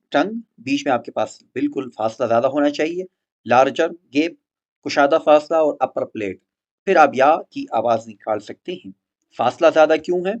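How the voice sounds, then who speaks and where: Male Quran tutor for a recorded lesson, methodical and repetitive, slightly raised pitch, muffled lo-fi sound. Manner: patient, repeats example words slowly, mixes in English terms. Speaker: Quran tajweed teacher. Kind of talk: explaining letter articulation in a recorded lesson.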